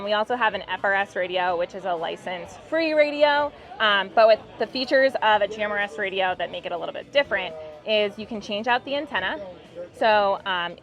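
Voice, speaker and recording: In an interview, a woman speaking for her company demonstrates a product in a cheerful, casual, explanatory manner. Her mid-range voice is a bit bright, and the muffled, band-limited recording has music playing behind her.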